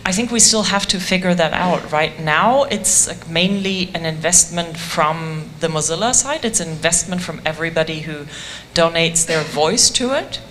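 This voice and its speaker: A woman's voice: lowish voice, expressive, moderate pace, fairly bright tone, a little hiss or hum. A woman speaking enthusiastically on a conference panel about a community-driven voice project, with a self-deprecating humor.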